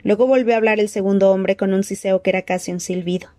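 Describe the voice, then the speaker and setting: A woman reads a novel aloud in measured, expressive narration. Her voice is mellow and dark, recorded dry and close with no room sound. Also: mid-range voice, no room sound. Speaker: audiobook reader. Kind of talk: scripted narration.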